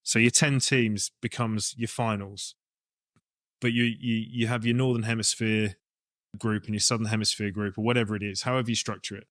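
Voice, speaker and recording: Speaking with an English accent, this interview guest, a rugby coach and club director, explains his thinking informally as it comes to him. He has a fairly low, level voice at a moderate pace, slightly bright, in a clean, echo-free studio recording.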